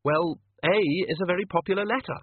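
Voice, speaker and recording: A man voicing a brisk, impatient young woman with a sharp, practical manner. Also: husky, no room sound. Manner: sharp, impatient, lifted high. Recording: tinny phone-like sound.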